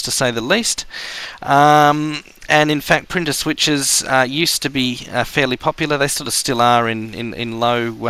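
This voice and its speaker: A man's voice: mid-range voice, pushed and bright. A man teaching a computer course, explaining hardware casually with many ums and restarts. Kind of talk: spoken class lecture.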